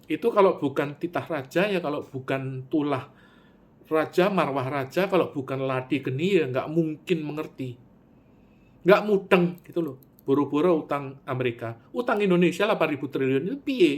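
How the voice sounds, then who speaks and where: Man, slightly high voice, animated monologue with sharp swings in volume. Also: normal speed. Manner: animated storytelling, with sudden loud pitch jumps and drops to near-mutter; Javanese words mixed in.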